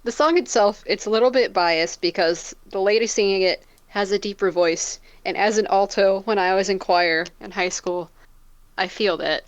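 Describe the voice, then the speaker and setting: Young female co-host, mid pitch, dry close sound, relaxed and jokey. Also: moderate pace, clean tone, dry recording. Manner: relaxed, dry jokes, giggly. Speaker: podcast co-host. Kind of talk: casual chat.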